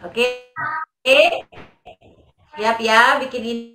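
Bright-voiced woman teaching kids. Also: on the high side, fairly even intonation, slow pace, recorded from a distance, soft background music. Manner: patient, coaxing, checks in with kids often. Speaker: Sunday school teacher. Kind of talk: children's lesson over video. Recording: echoey room, voice a bit off-mic.

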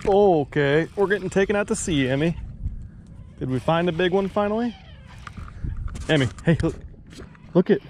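This thirties-aged fishing vlogger speaks in a fairly high, slightly mellow voice at a moderate pace, pausing often. He jokes at his own expense and talks to his dog while fishing from a bass boat on a lake, with slight background noise caught by the action camera on the boat.

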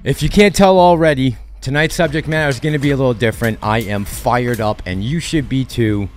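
A man in his thirties hosts a stock-market commentary vlog, heated and sarcastic, speaking fairly quickly in a mid-range voice. He uses a headset with a boom mic in a small home studio, with faint music behind him.

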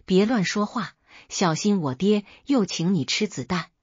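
A woman's voice: mid-range voice, expressive, a little slow, a little mellow, breathy edge, no room sound, muffled recording. A woman voicing a stubborn young daughter. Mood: pleading. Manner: pleading, wheedling.

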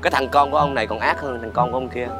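An actor with a Southern Vietnamese accent playing a sharp-tongued, mocking old man in a nursing home in a comedy sketch. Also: mid-range voice, rapid-fire, over music, close to an everyday voice. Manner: sarcastic, needling. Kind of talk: stage comedy acting.

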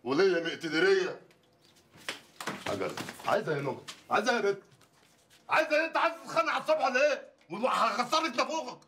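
An actor playing a poor, bumbling loudmouth lawyer husband in a comedy film, ranting and sarcastic in an Egyptian accent. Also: male voice, on the high side, expressive, quick pace, long pauses, a little hiss or hum. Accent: Egyptian Arabic. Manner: ranting, sarcastic, wildly swinging delivery.

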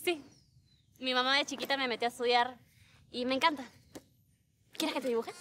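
A woman's voice: high-pitched, fairly even intonation, moderate pace, sharp tone. An actress in her twenties with a Peruvian accent, playing a playful, chatty young woman in a TV comedy-drama. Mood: cheerful, chatty. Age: 20s. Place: outdoors in a park. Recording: faint outdoor background noise.

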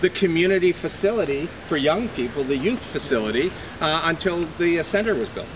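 On a walking tour outdoors, a middle-aged former resident recounts his past to a group in a rainy housing courtyard, casual and storytelling in style. He sounds a little high and expressive, yet reflective and halting, leaning on many fillers. Recorded on a smartphone camera at short range, the audio is dull and carries outdoor noise.

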